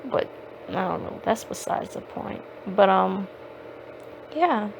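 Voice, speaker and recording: A woman's voice: mid-range voice, lively intonation, takes it slowly, creaky, background noise. A woman hosting a podcast, rambling casually with lots of fillers and swearing, recorded on her phone. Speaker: podcast host. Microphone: phone microphone.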